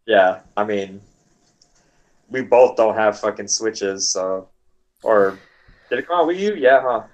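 Chill young guy on a gaming podcast, lowish voice, cusses a lot, super casual. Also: unhurried, muffled recording. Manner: laid-back, swears freely. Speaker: podcast co-host.

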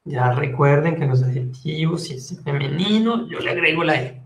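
A man with a Colombian Spanish accent teaching a French lesson, patiently explaining and repeating phrases slowly. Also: on the high side, expressive, creaky, echoey room, a little hiss or hum. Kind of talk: online language lesson.

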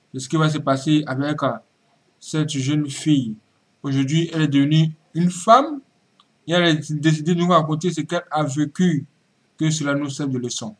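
A man opens his show as host, greeting his listeners and setting up the next story. His delivery is dramatic and announcing. His voice sits a little high for a man. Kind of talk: show introduction.

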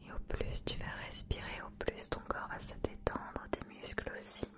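A young adult woman guiding an ASMR hypnosis in a hushed whisper, soothing and instructing, close to the microphone. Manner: slow, soothing, instructing delivery. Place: small dim indoor room.

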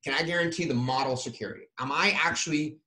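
Man, thirties, talks fast with fillers, sharp tone, webcam in an echoey room. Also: a little high. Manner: fast, explanatory, many fillers. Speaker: guest speaker. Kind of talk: conference talk over video call. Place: home room, indoors. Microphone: video call webcam. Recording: roomy webcam audio.

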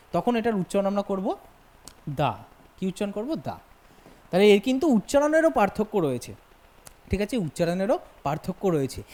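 Mellow-voiced woman teaching grammar. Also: medium pitch. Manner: repeats points and quizzes the listener with quick questions. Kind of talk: exam-prep grammar lecture.

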